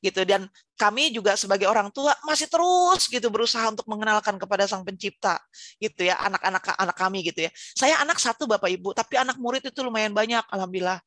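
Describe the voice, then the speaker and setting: A woman's voice: medium pitch, fast talker, a bit bright, dry recording. A woman giving a chatty Islamic parenting seminar, speaking directly to the parents and asking them rhetorical questions. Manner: tags sentences with "gitu ya".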